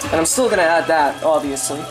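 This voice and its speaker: A young man with a slightly high voice talks fairly quickly and casually while cooking in his home kitchen, rambling with plenty of fillers and the occasional swear word. Music plays in the background, picked up by a handheld camera mic.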